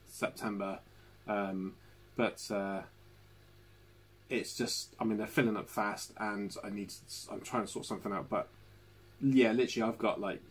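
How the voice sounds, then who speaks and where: Husky low-voiced man chatting live. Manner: chatty, warm toward viewers, laughs often. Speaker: channel host. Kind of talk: casual live stream chat. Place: home living room.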